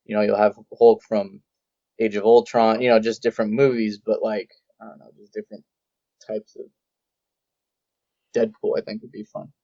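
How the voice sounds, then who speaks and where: A man's voice: on the low side, little pitch movement, moderate pace, long pauses, warm tone. A man chatting casually on a podcast in a laid-back, joking way. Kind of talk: casual chat. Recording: dull lo-fi sound.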